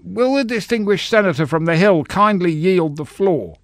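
A man voicing a portly, flustered halfling senator who squeaks and sputters, recorded dry. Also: expressive, normal speed, dry recording.

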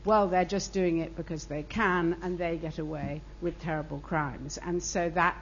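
A woman's voice: lowish voice, steady tone, normal speed, dull audio, a little hiss or hum. A woman from the audience explaining a view before asking her question at a public debate.

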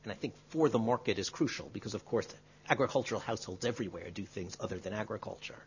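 A male history professor answering an audience question in a measured, qualifying way, often adding tag questions. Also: fairly low pitch, slight background noise. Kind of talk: academic lecture Q&A. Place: lecture room. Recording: dull lo-fi lecture recording.

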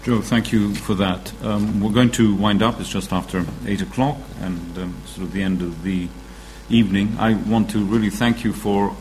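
A man's voice: lowish voice, steady tone, darkish tone, a little hiss or hum, low-quality recording. A man chairing an evening lecture, moderating questions and thanking the speaker. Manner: brisk, directing the room. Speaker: event chair.

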